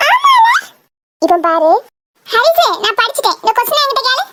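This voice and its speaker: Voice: wildly swooping pitch, moderate pace, heavy background noise, exaggerated voice. A voice actor playing a group of cheeky village schoolchildren in a cartoon, squabbling and teasing. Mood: rowdy. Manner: teasing, squabbling, shrill giggling. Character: chattering village schoolkids, boys and girls, cheeky. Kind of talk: cartoon voice acting.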